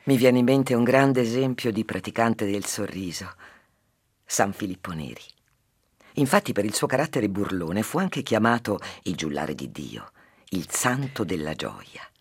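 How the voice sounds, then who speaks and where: A man conducting a conversation and then narrating a fairy tale in an animated, expressive way. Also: on the low side, a little slow, husky, dry recording. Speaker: interviewer and storyteller.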